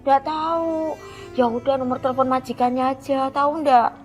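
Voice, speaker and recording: A woman's voice: high-pitched, fairly even intonation, normal speed, faint music behind, natural voice. An actress playing a fussy, coaxing young woman who shrieks and fake-sobs in a comic soap scene. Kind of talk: comedic soap-opera acting.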